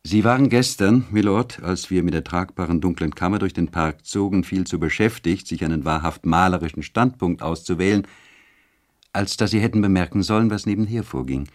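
Gallant male traveler, read by a man, courtly, low deep voice. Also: fairly quick, natural voice. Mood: recounting. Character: the lord's companion, a gallant male traveler recounting an outing.

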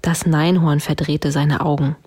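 A woman reads a children's story aloud in a low, husky voice. She takes her time, with a gently wry touch. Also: level tone, unhurried.

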